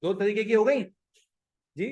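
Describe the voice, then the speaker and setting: Animated high-voiced male accounting teacher. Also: a little slow, dull audio. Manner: animated, acts out client dialogues, quizzes students. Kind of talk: classroom lecture. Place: classroom.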